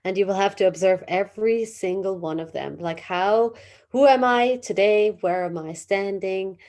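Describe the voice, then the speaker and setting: A woman's voice: mid-range voice, moderate pace, darkish tone. A woman therapist being interviewed, talking casually with many fillers and restarts and vivid images. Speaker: therapist guest.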